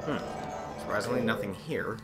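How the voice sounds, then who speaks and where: A woman's voice: very deep voice, normal speed. A woman playing a video game, thinking aloud and muttering to herself, with sudden exasperated outbursts. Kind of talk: let's-play commentary. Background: game music.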